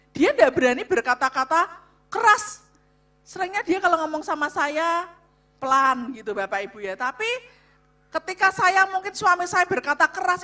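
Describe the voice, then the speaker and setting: Loud, bright-voiced woman preaching. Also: high-pitched. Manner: loud, emphatic, addresses audience repeatedly. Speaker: co-speaker at a church revival on marriage. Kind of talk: sermon-style talk to a congregation.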